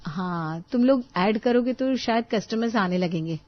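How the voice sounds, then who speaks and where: A woman voicing a calm, sensible older sister-in-law in a cartoon, speaking in a measured way. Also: mid-range voice, no echo, lightly acted. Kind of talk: cartoon voice acting. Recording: dull dry studio voice-over.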